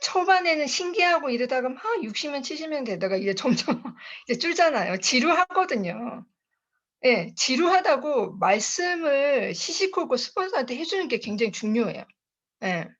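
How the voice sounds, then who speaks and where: A chatty woman gives a motivational talk, her fairly high voice rising and falling in lively swoops as she tells her own story. She laughs often and keeps turning to her listeners. The sound comes through dull, lo-fi online-meeting audio. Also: normal speed. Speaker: guest speaker at a sales team meeting. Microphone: online video call.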